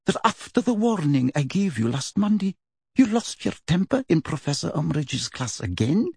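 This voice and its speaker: A stern, older female professor, voiced by a male narrator snaps out clipped, scolding words in a much higher voice. She sounds strict and sharp. The recording is dry and close. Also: huge pitch swings, unhurried, slightly rough, dry recording, full character voice.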